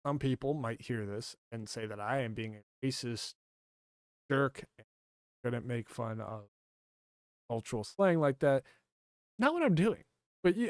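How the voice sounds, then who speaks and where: A man's voice: mid-range voice, dry recording, clean studio sound. A man talking casually to his livestream chat, rambling and correcting himself, laughing now and then.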